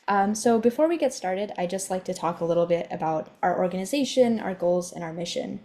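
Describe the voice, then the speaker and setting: A woman's voice: fairly low pitch, animated, fairly quick, warm tone. Woman hosting a video-call symposium. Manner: friendly, organized, scripted welcome with fillers. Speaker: event host. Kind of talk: online symposium moderation. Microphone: computer mic on a video call.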